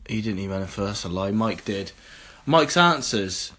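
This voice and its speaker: A man's voice: on the low side, lively intonation, a little slow, sharp tone. A man, co-hosting a casual podcast chat, rambling and laughing often as he reads out listener emails. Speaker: podcast co-host.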